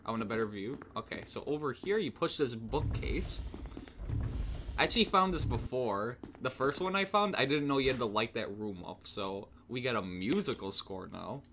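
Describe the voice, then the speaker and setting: A man's voice: mid-range voice, lively intonation, normal speed, noisy background. Jokey man commentating a game. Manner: jokey, laughs often, swears casually. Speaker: let's play gamer. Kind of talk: casual gameplay commentary.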